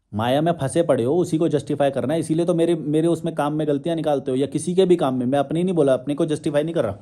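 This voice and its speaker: Combative young man, mellow voice. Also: on the high side. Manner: combative, challenging, rhetorical questions. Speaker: social media commentator. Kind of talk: confrontational monologue to viewers.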